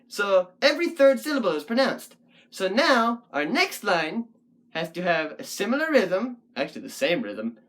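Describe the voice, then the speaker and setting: A performer voicing a shaggy, goofy talking wolf puppet who hosts the show, rambling and thinking out loud in a casual puppet vlog. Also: mid-range voice.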